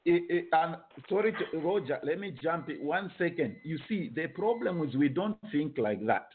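A man's voice: a little high, expressive, moderate pace, a little hiss or hum. A man from Zambia hosting a panel discussion, thinking aloud and restarting his sentences often. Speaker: host. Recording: narrow phone-like line.

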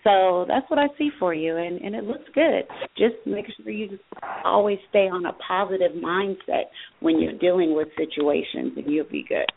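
A woman's voice: on the low side, normal speed, gravelly, slight background noise. Woman reading tarot on a phone line. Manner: reassuring, checks in with "okay?". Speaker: tarot reader, co-host.

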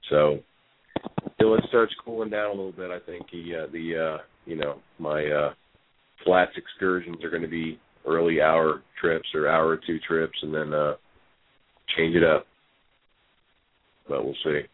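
A man's voice: very deep voice, fairly even intonation, a little slow, long pauses. A man co-hosting a fishing talk show, calling in on a speakerphone, chatting easily with lots of fillers. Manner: easygoing, many fillers and restarts. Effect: on speakerphone over a phone line. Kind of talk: casual fishing chat and reading a report aloud. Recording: tinny echoey speakerphone call.

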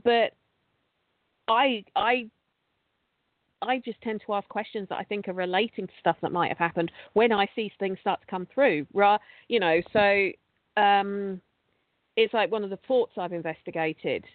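A woman's voice: mid-range voice, unhurried, no echo. A woman, a paranormal investigator telling stories in a casual, rambling way with frequent restarts. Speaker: guest, paranormal investigator and podcast host. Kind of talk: casual conversational storytelling. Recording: dry, tinny phone-like call audio.

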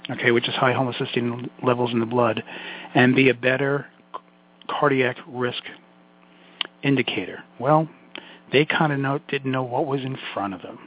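A man's voice: mid-range voice, steady tone, normal speed, pauses often. A man with a Brooklyn accent giving an informal health lecture, addressing listeners directly in a folksy way with emphatic asides. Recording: muffled, phone-like lo-fi audio.

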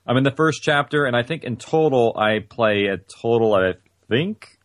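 A podcast guest who creates audio dramas talks casually at medium pitch and normal speed. He's relaxed and rambling, leaning heavily on "like" and other fillers, in a dry, studio-quality recording.

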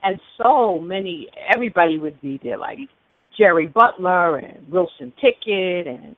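A woman's voice: on the low side, moderate pace, dry recording. Woman guest telling stories over a phone line. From New York, United States. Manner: relaxed storytelling with fillers and restarts. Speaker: guest, theater producer. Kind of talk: casual interview answers. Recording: narrow phone-line radio sound.

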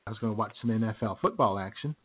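Over a tinny phone line, a middle-aged man co-hosts a radio comedy show, trading casual banter and spinning rambling stories punctuated by chuckles. His voice is lowish with a breathy edge, and he talks in a rapid-fire stream.

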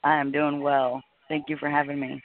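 A woman's voice: sits low, flat delivery, normal speed. A woman in her forties chatting casually as a guest on a talk show. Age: 40s. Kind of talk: casual chat. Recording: dry, tinny phone line.

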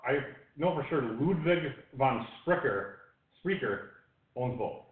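A man's voice: medium pitch, animated, slow. A man co-hosting a fantasy football show, loose and joking, full of wisecracks and self-corrections. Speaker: podcast co-host. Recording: echoey phone-like line.

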